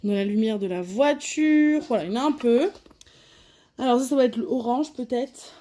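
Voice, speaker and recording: Sitting at her living room table, a young woman with a fairly high, warm voice talks casually at a moderate pace. She opens and displays a diamond painting kit, musing aloud while sorting and counting.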